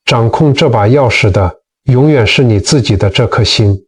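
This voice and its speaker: Man reading teaching stories in a steady earnest way, mid-pitch, mic a bit far off. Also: normal speed, husky. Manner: earnest, addresses listeners as friends. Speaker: narrator of Buddhist teaching channel. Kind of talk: scripted moral storytelling narration.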